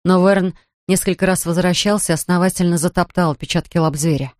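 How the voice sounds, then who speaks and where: An audiobook narrator reading a suspense novel in a measured, even way. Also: medium pitch, dry recording, clean studio sound. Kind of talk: scripted narration of a thriller.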